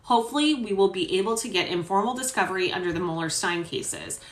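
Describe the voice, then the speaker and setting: A woman voicing a male attorney making a formal, measured courtroom argument, as a dramatic reading of a court transcript. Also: medium pitch, expressive, natural voice. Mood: earnest. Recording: roomy echo.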